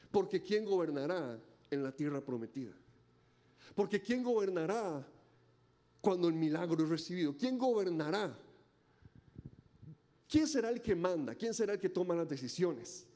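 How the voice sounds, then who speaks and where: Dramatic high-voiced pastor preaching. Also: male voice, warm tone. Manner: dramatic, acts out imagined voices, rhetorical questions. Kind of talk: sermon.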